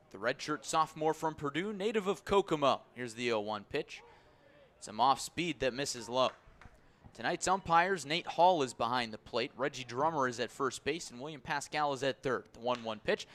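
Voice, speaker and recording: This is live radio sports commentary: a male announcer calls a baseball game play by play, calm and measured between pitches but excited when big plays happen.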